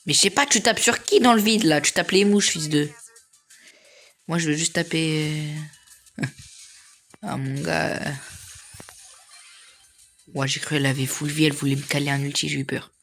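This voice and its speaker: A young man giving casual, slangy commentary over his own gameplay, excitable and laughing often. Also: on the high side, normal speed, vocal fry, long pauses, soft background music. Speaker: gaming video creator.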